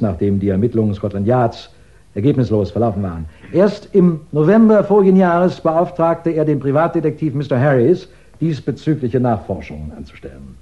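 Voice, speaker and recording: In a 1960s German radio crime drama, a man plays a shrewd investigator who lays out a murder case methodically, deliberate, courteous, formal and probing, with a grave mood. His voice is natural and mid-range, and the 1960s radio recording sounds dull.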